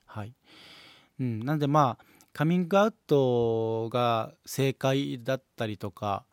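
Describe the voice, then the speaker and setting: A man's voice: mid-range voice, measured pace, clean tone, no room sound, studio quality. A man with a Kansai accent hosting a solo podcast, talking politely and measuredly with frequent hesitation fillers as he answers and reads listener mail. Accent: Kansai Japanese. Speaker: podcast host.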